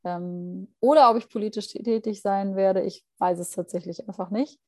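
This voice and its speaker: A woman's voice: medium pitch, fairly even intonation, moderate pace, warm tone, no echo. Dry-voiced young woman thinking aloud. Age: young adult. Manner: thoughtful, hesitant, many fillers and restarts. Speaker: guest, junior anesthesia doctor. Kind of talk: reflective interview answers.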